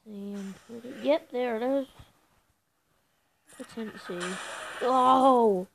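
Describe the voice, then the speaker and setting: A woman narrates her own gameplay in a relaxed, slow drawl with a fairly high voice. Her voice has a gravelly fry, and she mumbles between excited little reactions. A clear layer of noise sits under the recording. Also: low-quality recording. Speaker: gameplay video creator. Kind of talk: casual gameplay commentary.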